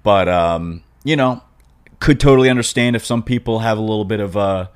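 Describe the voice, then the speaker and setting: A man's voice: on the low side, fairly quick, smooth. A young man hosting a casual interview, talking informally. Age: young adult. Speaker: podcast host.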